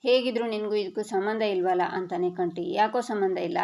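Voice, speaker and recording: A woman narrating a TV serial episode recap, reading every character's lines in an even storytelling voice. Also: medium pitch, fairly quick. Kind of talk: reading a serial recap aloud, voicing all dialogue. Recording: dull lo-fi audio.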